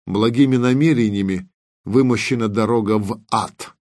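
A wry officer who smirks and lectures as he muses aloud, read by a man in an audiobook. The voice sits low and is recorded close and dry, without room sound. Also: normal speed, darkish tone, no echo, close to an everyday voice. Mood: musing. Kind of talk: audiobook character reading.

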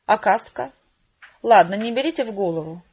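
A woman voicing a short, fussy man organizing people from a list, husky and on a dull lo-fi recording. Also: medium pitch, animated, normal speed, a little mellow. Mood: bossy. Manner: bustling, bossy.

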